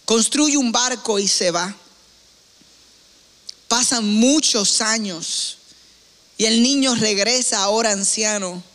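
A male preacher with a high, bright voice, telling a story slowly and deliberately, with pauses between phrases. His voice carries a long hall reverb. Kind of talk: sermon storytelling.

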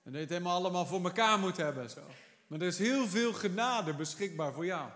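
Fervent preacher, high voice, hall echo. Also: male voice, lively intonation, fast. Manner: fervent, swings from quiet to emphatic, stretches key words. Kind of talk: sermon. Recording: long hall reverb.

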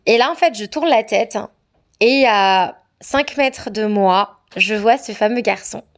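Speaking to camera at a measured pace, a French woman shares a personal story, candid and hesitant in a chatty manner. Her pitch is medium.

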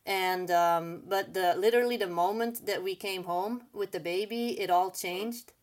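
A woman's voice: mid-range voice, a little slow. Woman, 30s, english, candid, casual, interview guest. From Belgium. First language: not English. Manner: candid, casual, many "like" fillers. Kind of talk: personal storytelling.

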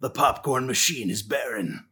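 A man's voice: medium pitch, moderate pace, pushed and bright, husky. A man putting on a dramatic movie trailer narrator voice for a podcast intro. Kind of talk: trailer voice parody.

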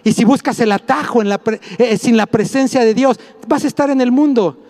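High-voiced gravelly man preaching. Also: a little fast. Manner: jokey asides, then repeated shouted emphasis. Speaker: pastor. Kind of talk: sermon.

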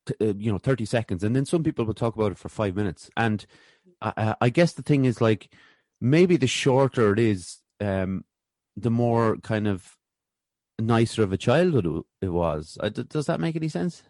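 Lowish-voiced Irish podcast host, close and dry. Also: male voice, animated, normal speed, a little mellow, dry recording. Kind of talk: casual interview chat.

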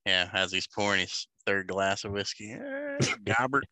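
A man's voice: low-pitched, monotone, moderate pace, sharp tone, clear, resonant tone, no echo. A man co-hosting a casual sports podcast, throwing in wisecracking asides. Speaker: podcast co-host.

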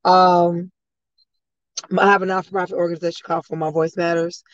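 An American woman from the Chicago area with a slightly hoarse voice, answering as a guest speaker and advocate in a conversational interview. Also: on the low side, level tone, rapid-fire, no room sound, lo-fi sound. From Chicago area, United States. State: a little hoarse.

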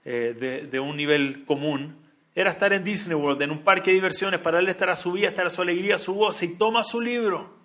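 A man's voice: high-pitched, brisk, bright, forceful tone. A man giving a storytelling sermon as a Torah teacher, building up emphatic, repeated phrases. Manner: rising, emphatic storytelling with many repetitions.

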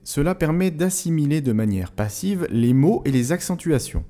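A man hosting a language-learning podcast, explaining pronunciation tips in a clear, didactic way, slowing down to model words. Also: a little high, warm tone. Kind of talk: scripted educational narration.

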